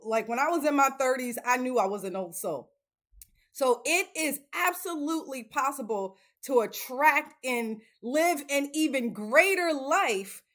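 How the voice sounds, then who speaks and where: A woman's voice: high-pitched, a bit bright. A woman in her late thirties hosting a self-help channel, giving an earnest, emphatic motivational talk to camera and repeating phrases for stress. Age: 30s.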